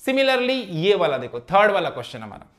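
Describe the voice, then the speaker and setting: A man's voice: high-pitched, big pitch swings, brisk, a bit bright. A man teaching a math lesson, talking students through each step and often checking whether they follow. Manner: keeps asking checking questions. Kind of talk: classroom lesson explanation.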